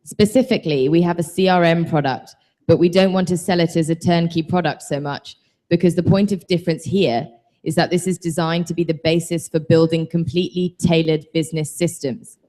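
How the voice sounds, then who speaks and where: Low-voiced woman reading a question. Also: fairly even intonation, fairly quick, warm tone. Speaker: event co-host reading questions. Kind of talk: reading a submitted question aloud.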